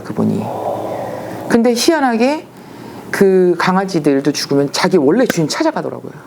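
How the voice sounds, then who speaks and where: A woman, a shaman, telling stories in a casual, animated way and acting out the voices she quotes. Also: on the low side, a little hiss or hum. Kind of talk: casual storytelling.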